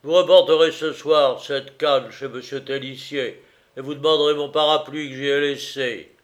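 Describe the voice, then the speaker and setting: A man reading aloud voices an angry middle-aged master who barks short, loud orders. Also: medium pitch, fairly even intonation, moderate pace, natural voice. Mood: curt. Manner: loud, curt, barking orders.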